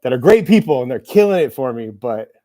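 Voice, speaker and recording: Chatty man with a mellow voice. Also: mid-range voice, big pitch swings, brisk. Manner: rambling, self-deprecating, chatty with fillers. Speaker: host of a live Q&A. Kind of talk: casual live-stream chat. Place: room with a camera operator.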